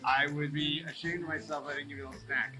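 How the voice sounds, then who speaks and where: A man, a chef, chatting casually in an interview with many pauses and fillers. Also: a little high, little pitch movement, music in the background, poor audio. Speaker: chef and caterer.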